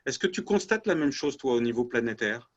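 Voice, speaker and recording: A man moderates a panel over a dull, lo-fi web connection. His voice sits at a medium pitch, and he builds long, winding questions, restarting phrases as he goes. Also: lively intonation, brisk. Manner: wordy, roundabout questions with restarts. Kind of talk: unscripted interviewing. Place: web video meeting. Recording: dull lo-fi web-call audio.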